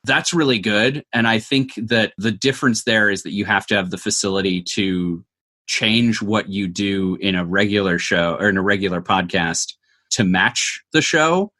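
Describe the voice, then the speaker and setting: A man who makes audio dramas speaks as an interview guest, his voice on the low side, bright and forceful, at a moderate pace. He gives thoughtful, conversational answers and explains things with frequent asides.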